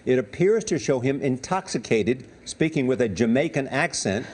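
Male anchor, scripted news read, brisk and even. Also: mid-range voice, a little hiss or hum.

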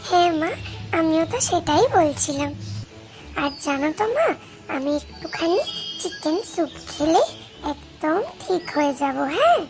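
A woman's voice: extremely high pitch, sing-song, measured pace, long pauses, full character voice. A woman voicing a cheeky, sulky little girl in a cartoon, whining and fake crying. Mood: wheedling. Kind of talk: Bengali cartoon voice acting. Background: background music.

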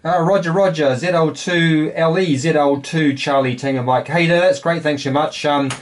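A man's voice: on the high side, fairly even intonation, normal speed, slight background noise. A man with a New Zealand accent talking casually and a little hesitantly about his hobby, in an easygoing explaining manner. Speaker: amateur radio builder and host. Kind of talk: casual hands-on hobby demonstration. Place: indoor home electronics workbench.

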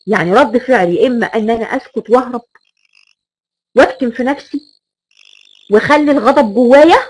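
A woman's voice: a little high, a little mellow, breathy edge, poor audio. A woman with an Egyptian Arabic accent giving a recorded lecture, stressing key words and repeating rhetorical questions.

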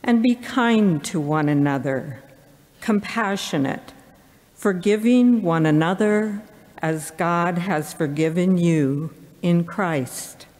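Middle-aged woman, church lector, very slow scripture reading, deliberate pauses, long hall reverb. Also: fairly low pitch, a little mellow. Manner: deliberate, pausing between phrases. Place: large church, at the lectern.

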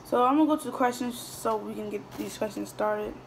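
Fairly quick and higher-pitched, a teen vlogger chats while eating, wandering through viewer questions with many fillers and restarts and sometimes a full mouth. The audio is poor with slight background noise, recorded on a phone camera on the table in a small indoor room.

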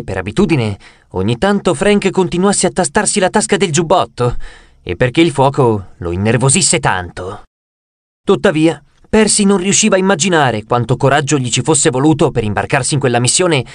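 A man reading an audiobook aloud with a slightly raised voice. The sound is close and dry, with no room around it. He tells the story with steady expressive care. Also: fairly high pitch, dry recording. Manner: expressive storytelling, voicing characters' dialogue. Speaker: audiobook narrator. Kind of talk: scripted narration.

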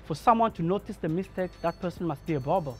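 A man from Congo in his thirties, a barber telling his own story in a documentary interview, earnest and measured. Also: sits high, animated, faint music behind. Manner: earnest, measured, acts out remembered dialogue. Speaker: barber and shop owner.

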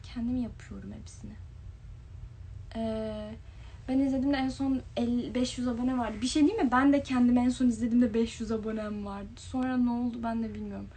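A woman's voice: a little high, steady tone, a little fast, mellow, slightly rough. A young woman hosting a casual livestream, reading viewers' comments aloud and answering them in a chatty way. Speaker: livestream host. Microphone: phone or webcam livestream.

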